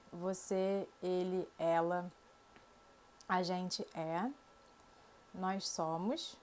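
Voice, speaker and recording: A Brazilian woman with a Brazilian Portuguese accent teaches Portuguese to camera, in a voice of ordinary pitch. She speaks clearly and unhurriedly, pausing on each example. It is a calm, patient lesson recorded indoors.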